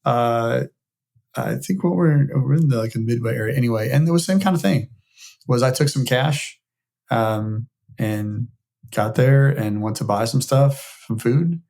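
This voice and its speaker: A man's voice: medium pitch, moderate pace, gravelly, a little mellow. A man co-hosting a business podcast in a studio, chatting casually, hedging and trailing off as he thinks aloud. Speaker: podcast co-host.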